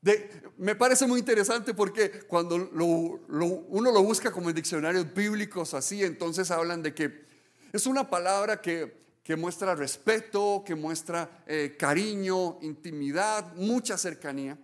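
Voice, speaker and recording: Man, pastor, sermon, high pitch, hushed to excited, tag questions. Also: a little slow. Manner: earnest storytelling, many restarts and "¿verdad?" tags; swings between hushed and excited. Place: church.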